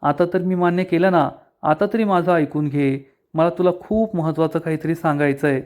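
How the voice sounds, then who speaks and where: A man's voice: on the high side, moderate pace, a little mellow, close to an everyday voice. A man reading the lines of a remorseful young woman in a serial recap, pleading and apologetic.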